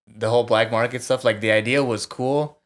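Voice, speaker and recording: A man co-hosting a podcast in relaxed casual chat, swearing freely and restarting his sentences. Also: mid-range voice, a little fast.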